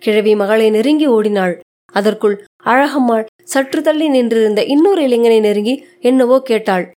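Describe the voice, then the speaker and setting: A woman reads a short story aloud with a measured, expressive delivery. Her voice sits fairly high, steady and clear, in plain scripted narration.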